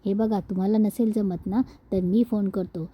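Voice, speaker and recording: A curt, exasperated police inspector barking orders, as a woman reads his lines in a serial recap. Delivered in a mellow, flat voice with no real bark to it. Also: mid-range voice, normal speed, breathy edge, lightly acted. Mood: stern.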